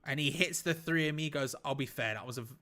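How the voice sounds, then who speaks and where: An excitable man calling wrestling live for his stream, his voice sitting a little higher than most men's. He talks casually and bluntly, throws in the odd mild swear, and jumps up in volume when a big move lands. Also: quick pace. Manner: excitable, breaks into shouts at big moves. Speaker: watch-along streamer. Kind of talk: live play-by-play reaction commentary.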